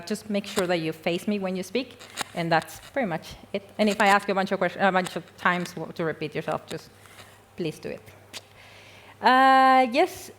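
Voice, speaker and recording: In a conference hall, a young Peruvian woman gives a casual, self-deprecating talk in a mid-range voice, full of fillers and small laughs. A little hiss or hum is audible in the recording.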